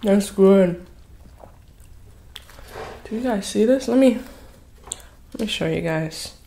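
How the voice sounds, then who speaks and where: A woman's voice: mid-range voice, expressive, slow, warm tone. A woman in her twenties chatting casually to viewers while eating crunchy fried chicken, humming as she savors it. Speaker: mukbang host. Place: indoors in front of a green backdrop.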